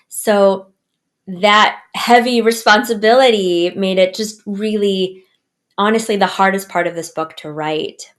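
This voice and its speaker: Earnest, slow-speaking woman author. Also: on the low side. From United States. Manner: earnest, measured, with pauses and restarts. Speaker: author guest. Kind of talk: interview answers.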